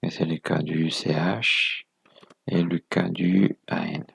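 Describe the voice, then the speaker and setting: Low-pitched male teacher, unhurried and methodical, heavy vocal fry, self-correcting. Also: flat delivery, a bit bright, no room sound. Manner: methodical, counting items aloud, corrects himself. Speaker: presenter of a phonetics video lesson. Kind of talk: explaining a lesson step by step.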